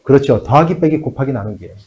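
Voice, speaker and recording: A man teaching high school math in a classroom, repeating key phrases and checking in with the students again and again. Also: animated, quick pace, darkish tone, dull audio. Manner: switches between polite and casual speech. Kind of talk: classroom lecture.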